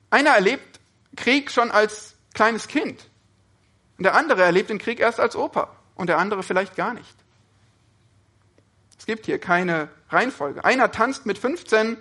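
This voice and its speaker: Bright-voiced man preaching a sermon. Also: sits high. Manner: earnest, rhetorical questions to listeners.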